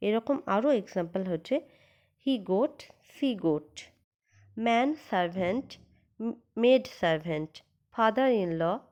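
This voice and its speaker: A woman with a Bengali accent, teaching a basic English grammar lesson, reading word pairs slowly and evenly and explaining in a calm tone. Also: mid-range voice, highs cut off. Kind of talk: scripted lesson narration.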